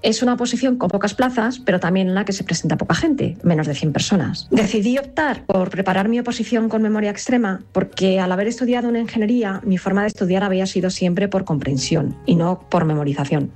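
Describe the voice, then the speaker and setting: Brisk woman in her forties from Madrid. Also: medium pitch, a little mellow, faint music behind. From Madrid, Spain. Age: 40s. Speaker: testimonial guest, civil servant. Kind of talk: prepared testimonial.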